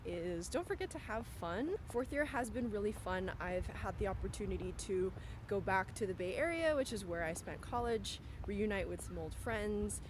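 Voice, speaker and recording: A woman's voice: medium pitch, lively intonation, moderate pace, background noise. A woman in her twenties from California with an American accent, giving casual advice in a vlog monologue recorded on the move. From California, United States. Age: 20s. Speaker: vlogger, medical student. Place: on the move during a commute.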